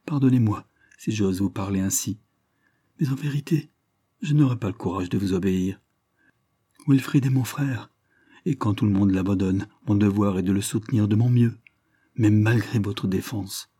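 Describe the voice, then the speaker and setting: A man's voice: on the low side, moderate pace, dark tone, slightly rough, no echo, studio quality. A man reading aloud, voicing a distressed young woman who begs her father through tears. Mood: imploring. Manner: tearful, imploring, voice raised.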